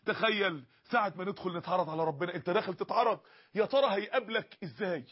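A man's voice: high voice, fast talker, husky. A man with an Egyptian accent preaching an impassioned sermon, pleading with listeners and acting out dialogues. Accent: Egyptian Arabic. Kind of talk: emotional Egyptian Arabic sermon. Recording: dull lo-fi sound.

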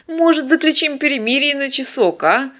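A woman's voice: high-pitched, expressive, moderate pace, fairly bright tone, voice pushed up. A woman reading an audiobook and voicing a carefree, cheeky young male pilot in a casual tone. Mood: breezy.

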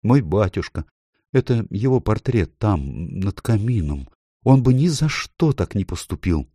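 A man voicing a gentle, sorrowful male faun who sobs out his guilt in a storybook reading. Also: fairly low pitch, sing-song, measured pace, slightly rough, dry recording, studio quality, full character voice. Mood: sobbing. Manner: sobbing, mournful.

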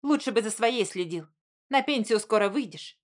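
A woman reading a story and voicing a furious, tearful young woman who shouts at her brother. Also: expressive, normal speed, lightly acted. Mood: accusing. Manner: shrill, sobbing outbursts.

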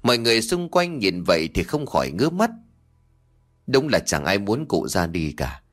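A man narrating a Vietnamese-style village horror story in a slow, grave, dramatic manner. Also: lowish voice, big pitch swings, a bit bright.

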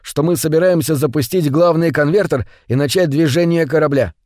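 Reader doing an urgent young officer, dry, close-miked. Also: male voice, on the high side, moderate pace, a little mellow, dry recording, lightly acted. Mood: earnest. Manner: urgent and earnest.

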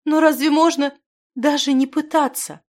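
A woman reading the lines of a crying young woman who begs for help in a high, loud voice. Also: moderate pace, lightly acted. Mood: pleading. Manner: pleading, high-pitched.

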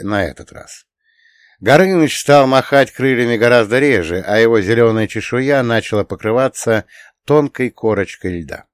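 A man's voice: fairly low pitch, no echo, studio quality. A man narrating a first-person fantasy audiobook in a wry, conversational way, with the occasional curse.

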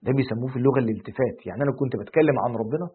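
A man's voice: medium pitch, very fast, husky. A man with an Egyptian Arabic accent giving an impassioned religious lecture on the Quran, full of rhetorical questions and rising emphasis. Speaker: Quran commentator. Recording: narrow phone-like sound.

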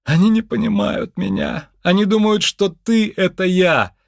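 Guy doing a frantic soul stuck in a cat, yelps up high, dry sound. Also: normal speed, gravelly, no room sound. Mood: pleading. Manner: shrill, exasperated outbursts. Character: panicked male human soul stuck in a cat.

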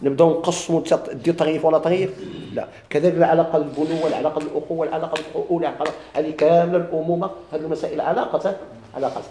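رجل بلهجة مغربية يلقي درساً في الفرائض، يكرر المصطلحات ويسأل طلابه. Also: male voice, a little high, steady tone, racing, warm tone, reverberant, slight background noise. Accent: Moroccan Arabic. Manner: repeats key terms, quizzes students. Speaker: teacher of Islamic inheritance law. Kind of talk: classroom lecture, questions and answers.

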